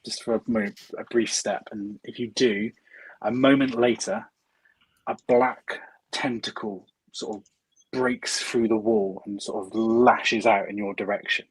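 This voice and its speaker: A man's voice: mid-range voice, steady tone, measured pace, gravelly, husky, poor audio. A man narrating as dungeon master in a casual, hesitant way, full of "um" and "sort of". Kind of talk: narrating a tabletop game.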